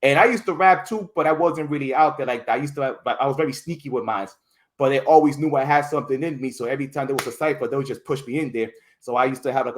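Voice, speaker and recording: A man chatting as an interview guest, telling his story in a loose, rambling way. He restarts words, leans on "like" and "you know", and livens up when he quotes other people. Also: mid-range voice. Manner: rambling, restarts words often, many fillers. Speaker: podcast guest. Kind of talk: casual interview chat.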